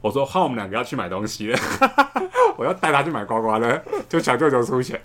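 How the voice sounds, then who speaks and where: A man, telling a story in a casual podcast chat, fast, repeating words and laughing often. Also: mid-range voice, animated, a bit bright. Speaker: podcast co-host.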